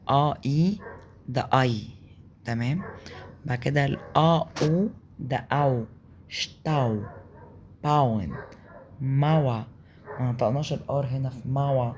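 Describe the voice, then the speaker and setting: An Egyptian-accented man walks learners through German letter combinations at an easy middle pitch. He repeats sounds patiently and keeps checking in with a quick question. A faint noise sits behind his voice. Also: a little mellow. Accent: Egyptian Arabic. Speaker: German language teacher. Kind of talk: explaining pronunciation in a lesson.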